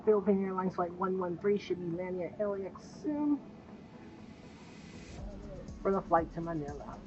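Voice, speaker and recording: A woman's voice: on the low side, moderate pace. A woman giving casual live commentary as a plane-spotting vlogger. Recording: dull lo-fi audio, music behind.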